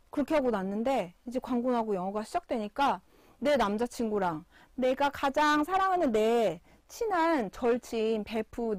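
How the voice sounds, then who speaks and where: A woman teaches an online middle school English class, her voice sitting a little high. She explains grammar through animated little stories and talks directly to the students. The sound is dry and close, with no room echo. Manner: animated storytelling, addresses students as kids; sings example sentences slowly. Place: school broadcast studio.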